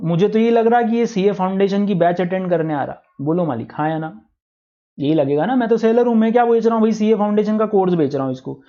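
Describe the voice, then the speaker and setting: A male teacher giving a classroom lecture, who keeps asking the class for quick answers. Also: sits high. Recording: dull lo-fi classroom recording.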